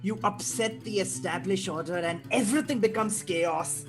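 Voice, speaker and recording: A performer playing a maniacal, theatrical clown villain with taunting, drawn-out phrasing in a table read of a film script. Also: mid-range voice, lightly acted. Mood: gleeful menace. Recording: live guitar music behind online reading. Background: plucked guitar music.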